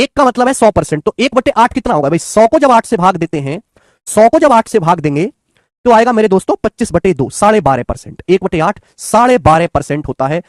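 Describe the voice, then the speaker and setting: High-voiced man teaching math. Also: no echo, studio quality. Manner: coaxing, repetitive, addresses students as children and friends. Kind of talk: online exam-prep lecture.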